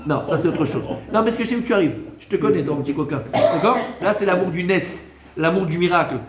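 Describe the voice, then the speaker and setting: A man, a rabbi, giving a Torah lesson in a lively way, teasing his listeners with joking asides. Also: high-pitched, quick pace, echoey room, very noisy.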